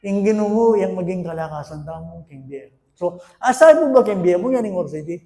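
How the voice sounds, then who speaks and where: High-voiced Filipino pastor preaching in an echoey room. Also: male voice, animated, brisk, vocal fry. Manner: preaching in Tagalog mixed with English, shifts from loud questions to hushed lines. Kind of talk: sermon. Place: church.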